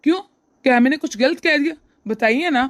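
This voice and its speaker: Woman doing a sleazy young brother-in-law, oily and smug, teasing, high voice, dry sound. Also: fairly quick, dry recording, lightly acted. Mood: leering. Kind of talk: cartoon voice acting.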